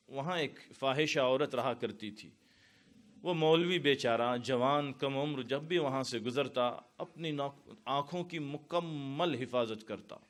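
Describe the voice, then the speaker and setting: A man from India preaching a storytelling sermon to a gathered audience, building to impassioned climaxes. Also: medium pitch. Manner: dramatic, rising to impassioned climaxes.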